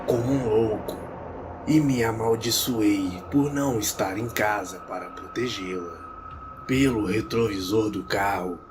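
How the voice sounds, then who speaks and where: Male horror narrator, low voice, very slow and suspenseful, faint hiss. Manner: slow, grave, suspenseful reading. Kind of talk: dramatic storytelling.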